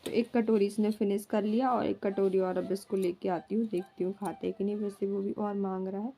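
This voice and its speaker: A young woman, a mother, chatting casually to her vlog audience at home in a rambling, homely way, often filling pauses as she talks. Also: mid-range voice, steady tone, background noise. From India. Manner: rambling and homely, fills with "matlab".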